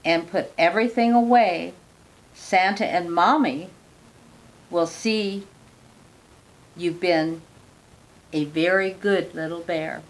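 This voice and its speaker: A woman's voice: fairly low pitch, slow pace, pauses often, rough recording. A grandmother reading as a kind, firm little Christmas elf. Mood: encouraging. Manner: gently instructive, storybook reading. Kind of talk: storybook reading.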